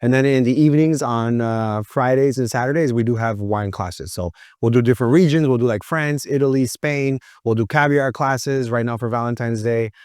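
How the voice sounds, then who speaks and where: Man, shop owner, relaxed chatty talk, smooth clear voice, dry sound. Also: mid-range voice, normal speed, few pauses, no echo. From Miami. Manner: relaxed and talkative, with frequent fillers. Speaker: food boutique owner. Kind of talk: casual interview chat.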